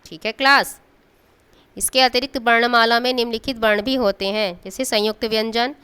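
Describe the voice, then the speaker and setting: A woman's voice: fairly high pitch, steady tone, fairly quick, bright, forceful tone, smooth. A woman teacher giving a patient classroom grammar lesson, drawing out sounds to demonstrate them and checking in with the class often. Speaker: school teacher.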